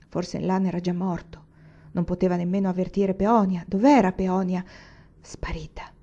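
Woman narrating a book, measured, mellow voice, dull lo-fi recording. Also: mid-range voice. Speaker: reader of audiobooks. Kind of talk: audiobook narration.

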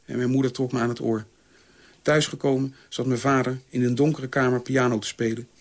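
A man reading a personal memoir aloud in a calm, measured way. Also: medium pitch. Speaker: reader.

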